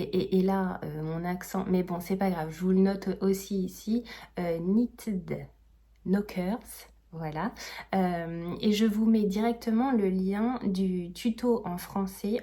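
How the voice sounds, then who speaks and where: A woman's voice: medium pitch, warm tone. Hesitant French woman knitting vlogger. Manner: hesitant, many fillers and restarts. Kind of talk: casual vlog chat.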